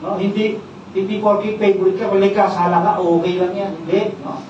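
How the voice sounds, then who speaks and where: Male Filipino pastor, high voice, teaching style with tag questions, distant mic in a very echoey church. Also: flat delivery, brisk. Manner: teaching, frequent "no?" tag questions, mixes English terms. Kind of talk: sermon. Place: church worship service. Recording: echoey church hall, distant mic, dull sound, faint noise.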